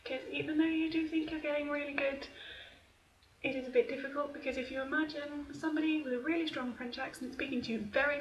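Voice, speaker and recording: A young woman in her twenties, vlogging in a rapid-fire, chatty, self-mocking way. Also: high-pitched, a bit bright, reverberant, poor audio. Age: young adult. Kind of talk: fast list-style vlog. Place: shared house on a year abroad.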